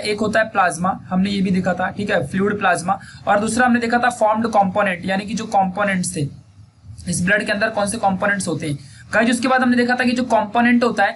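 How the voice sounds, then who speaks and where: A man's voice: high-pitched, a bit bright. A young man teaching biology, asking questions and answering them himself, saying "theek hai" again and again. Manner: quizzes students and answers himself, repeats key terms. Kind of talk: fast-paced classroom lecture. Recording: faint background noise.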